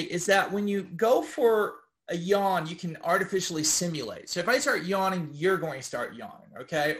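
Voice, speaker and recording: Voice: mid-range voice, a bit bright. Casual instructor, rambling monologue with constant tag-question check-ins and loose, informal phrasing. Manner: loose and informal, with occasional swearing.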